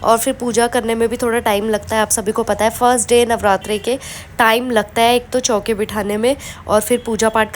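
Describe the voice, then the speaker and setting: Woman, sick with a cold, casual vlog chat, rambling, talking to viewers, slightly high voice, faint background noise. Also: low-quality recording. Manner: chatty, rambling, addresses viewers directly. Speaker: vlogger. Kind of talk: casual family vlog narration.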